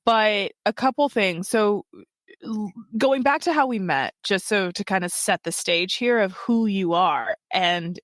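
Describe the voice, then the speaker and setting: A woman's voice: mid-range voice, a little slow, a bit bright, no room sound. An American woman hosting a podcast in a casual, bubbly interview chat, laughing often and acting out the voices she quotes. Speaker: podcast host.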